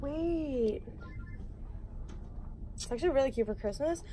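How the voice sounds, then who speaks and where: Lively teen girl filming a shopping vlog. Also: high-pitched, a little slow, a little hiss or hum. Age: teens. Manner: chatty, joking, lots of "like". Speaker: vlogger. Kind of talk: casual shopping vlog chat. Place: large retail store, indoors. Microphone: handheld phone at arm's length.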